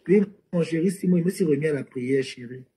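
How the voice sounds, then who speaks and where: A man's voice: fairly high pitch, brisk, warm tone, husky, poor audio. A man hosting a casual live stream, repeating himself as he asks viewers to support him.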